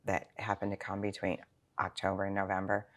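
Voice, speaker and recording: This sixty-year-old woman speaks briskly in a deep, monotone bass. As a financial planner being interviewed, she explains things informally, leaning on examples and rhetorical questions in a conversational way.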